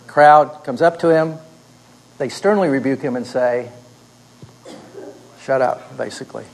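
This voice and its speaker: A man's voice: mid-range voice, moderate pace, vocal fry, low-quality recording. A man teaching a class, leading students through a story step by step by asking questions and answering them himself. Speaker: instructor.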